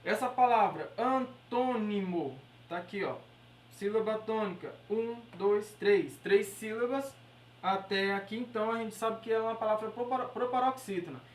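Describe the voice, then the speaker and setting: A woman with a Brazilian Portuguese accent leads an exam-prep grammar lesson, walking listeners through it step by step and checking in with "beleza?" and "certo?" Her voice is medium in pitch and moderately paced. She sounds distant from the mic in an echoey room, with a faint hiss or hum.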